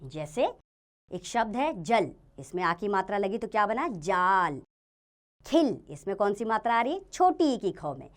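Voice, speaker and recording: A woman teacher giving a grammar lesson to young children, sounding out letters and words slowly and asking them questions she then answers herself. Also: mid-range voice, big pitch swings. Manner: slow, sounding out each letter and word.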